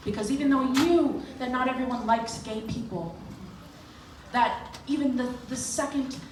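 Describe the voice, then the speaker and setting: A woman's voice: sits high, normal speed. A young adult woman from Miami giving a public comment at a board meeting, earnest and pointed, with frequent fillers. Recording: echoey hall, from far off, noisy.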